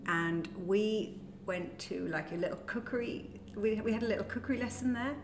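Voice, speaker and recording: A podcast co-host on a casual comedy show chats at medium pitch and normal speed, giggly, animated, and laughing often. The room is roomy and echoey, with faint noise.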